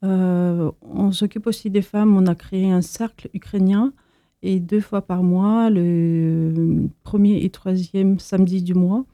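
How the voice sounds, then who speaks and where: Hesitant woman from Moldova, very dark voice. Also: mid-range voice, steady tone, takes it slowly, dry recording. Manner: hesitant, many fillers and restarts. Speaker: association founder. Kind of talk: interview answers.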